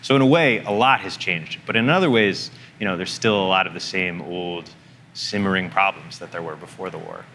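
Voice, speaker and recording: Deep, bright-toned reporter man. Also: fairly quick, a little hiss or hum. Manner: loose, conversational, many fillers. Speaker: journalist. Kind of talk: interview conversation.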